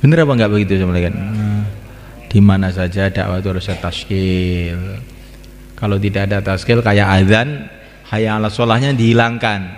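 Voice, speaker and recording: A man's voice: fairly low pitch, steady tone, normal speed. A man preaching an Islamic sermon, repeating phrases and breaking into chanted lines. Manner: repetitive, sing-song chanting of call to prayer. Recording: reverberant hall.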